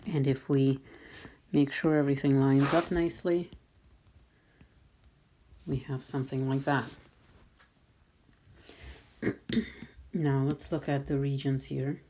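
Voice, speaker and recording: A woman's voice: very deep voice, level tone, dark tone, a little hiss or hum. A woman math teacher talking patiently through a screen-recorded lesson, thinking aloud as she draws. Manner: slow, patient, thinking aloud while drawing.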